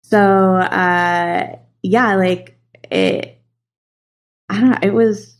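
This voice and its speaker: A woman's voice: medium pitch, fairly even intonation, drawn-out words. A young woman from Los Angeles, a guest in a casual interview, talking in a chatty way with many fillers and easy laughter.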